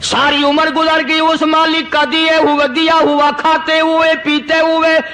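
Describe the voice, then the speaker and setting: Brief: emphatic male preacher, very high and bright, drawn-out exhortations. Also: monotone. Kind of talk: storytelling sermon.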